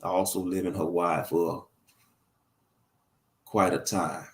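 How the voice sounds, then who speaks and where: A male livestream commentator with a low voice talks slowly and flatly as he reads the chat. His casual answers to viewers form a loose, slangy, preachy ramble.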